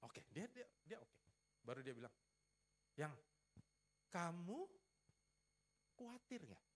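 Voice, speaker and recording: Pendeta pria bersuara agak tinggi, bercerita santai. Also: male voice, on the high side, takes it slowly. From Riau, Sumatra, Indonesia. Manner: lively storytelling with playful asides, acts out dialogue. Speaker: pastor. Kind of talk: sermon. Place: church.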